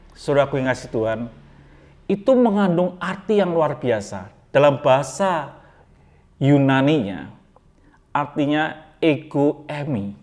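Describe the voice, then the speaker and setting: A man with an Indonesian accent, a pastor giving a short daily devotional sermon, measured and full of pauses, repeating key phrases. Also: on the high side.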